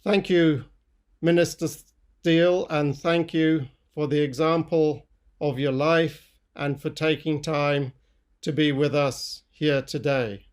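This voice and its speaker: A man presenting at a graduation ceremony, introducing the class speaker in a deliberate, formal way. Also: on the high side, steady tone, clear, resonant tone.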